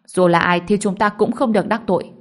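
A woman's voice: medium pitch, steady tone, brisk, lightly acted. A woman doing a stern old clan patriarch. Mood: stern scolding. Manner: commanding, scolding.

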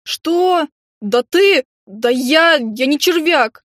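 A woman's voice: high voice, animated, extremely slow, fairly bright tone, dry recording, studio quality, voice pushed up, exaggerated voice. A woman voicing a sulky, rude teenage boy who talks in a petulant, indignant way. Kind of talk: audiobook character voice.

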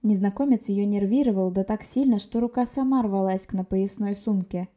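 Woman reading a fantasy audiobook, expressive, warm dark tone. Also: mid-range voice, a little fast. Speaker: audiobook reader. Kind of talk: scripted fantasy narration.

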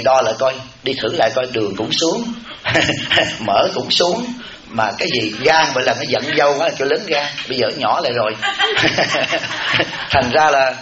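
A man, a Buddhist monk, giving a humorous dharma talk, folksy and teasing, repeating words for comic effect. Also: mid-range voice. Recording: echoey, dull room recording with audience. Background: audience laughter.

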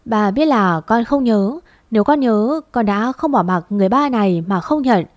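A woman's voice: on the high side, animated, no room sound, studio quality, close to an everyday voice. A woman voicing a grieving old father. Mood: tearful. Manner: slow, choked, pleading. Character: aging grieving father, gentle and humble.

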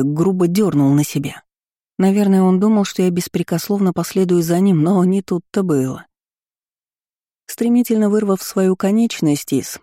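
A woman's voice: fairly low pitch, dark tone, no room sound, studio quality. A woman narrating a first-person novel as an audiobook, reading steadily and expressively.

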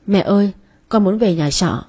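A woman voicing a fragile, remorseful young daughter who speaks softly and apologetically. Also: mid-range voice, normal speed, husky, lightly acted.

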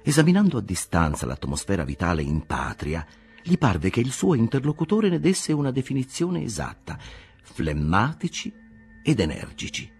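A male narrator reads a classic novel in a measured, expressive way. His voice is deep and husky, yet the intonation rises and falls freely. Faint music plays under this radio podcast recording. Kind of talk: literary audiobook narration.

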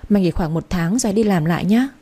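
Here is a chatty young woman in a storybook romance, a loyal best friend who fusses and teases, as a narrator voices her. Her voice is mellow and warm. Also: fairly low pitch, fast talker, husky. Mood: fussing. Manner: teasing, fussing.

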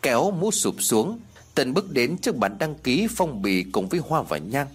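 A man narrating an audiobook ghost story in expressive storytelling fashion. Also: medium pitch, moderate pace, slightly rough.

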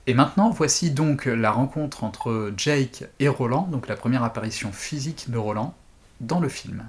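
A man's voice: mid-range voice, moderate pace, slight background noise. A man hosting a casual, analytical discussion as a critic. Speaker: host and film critic.

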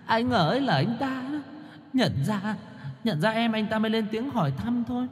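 A man's voice: expressive, normal speed, big-room sound. A man voicing a tearful young wife who stammers as she pleads with her husband. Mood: pleading sobs. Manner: sobbing, stammering falsetto plea.

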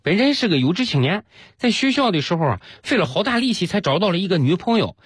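A man radio host telling comic first-person stories with dramatic pauses, over background music. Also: high-pitched, husky, dry recording, clean studio sound. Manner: animated storytelling with comic pauses. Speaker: radio host reading jokes. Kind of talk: scripted comic storytelling. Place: radio studio.

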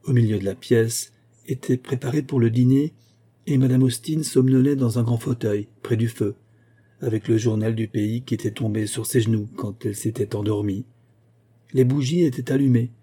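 Man reading an old novel aloud, steady pace, really dark mellow voice. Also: mid-range voice, slightly rough. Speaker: audiobook narrator. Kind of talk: scripted narration.

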